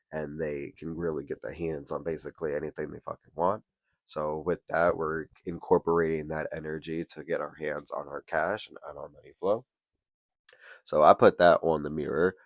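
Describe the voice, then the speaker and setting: A man's voice: extremely low pitch, no room sound. A man with a nasal, congested voice, chatting casually and with some profanity as he hosts a spell tutorial. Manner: chatty, profane, self-deprecating. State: congested from allergies. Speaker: witchcraft channel host.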